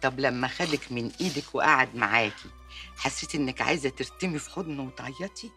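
A bossy, bright-voiced Egyptian aunt. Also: female voice, extremely low pitch, fast talker, soft background music, heavily acted. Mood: commanding. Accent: Egyptian Arabic. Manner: commanding, interrogating, blunt. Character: bossy, protective neighborhood aunt. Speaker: aunt questioning her niece.

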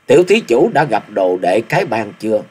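A man voicing a calm old male Buddhist master with a measured, mediating manner. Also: fairly low pitch, slightly rough.

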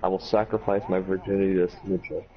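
A man trolling his friends in a gaming voice chat, talking in a flat monotone. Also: sits low, quick pace. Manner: monotone, trolling mock-solemn lines. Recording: dull lo-fi voice chat with faint noise.

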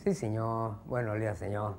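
A man playing a meek male traveler at immigration, speaking broken Spanish in a low, soft voice. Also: lively intonation, a little slow, husky.

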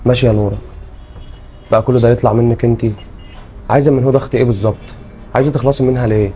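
An actor playing a protective, earnest Egyptian husband and brother who speaks with an Egyptian Arabic accent. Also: male voice, mid-range voice, dark tone, close to an everyday voice. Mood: anguished. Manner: reassuring and earnest. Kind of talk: Egyptian web drama acting.

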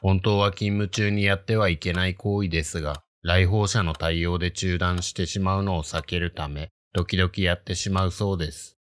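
A man reading a scripted ghost story in a hushed, creepy storytelling manner. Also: low voice, steady tone, moderate pace, few pauses, no room sound.

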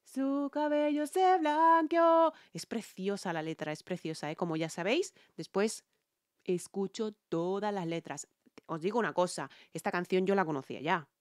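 A woman's voice: on the low side, normal speed, no echo, studio quality. A young Spanish woman with an accent from Spain, a singer chatting through a song reaction and analysing the vocals, checking in with her viewers.

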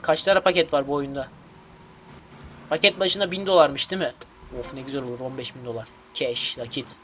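A man giving let's play commentary as a gaming YouTuber, excitable and grumbling, cursing at the game. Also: medium pitch, a little hiss or hum.

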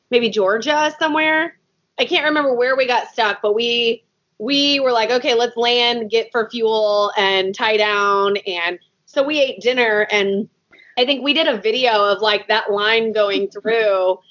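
A woman hosting a podcast, telling stories in a lively way and acting out what people said. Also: on the high side, a little slow. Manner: animated storyteller who acts out quotes. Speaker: podcast host. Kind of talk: casual podcast chat. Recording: dull lo-fi audio.

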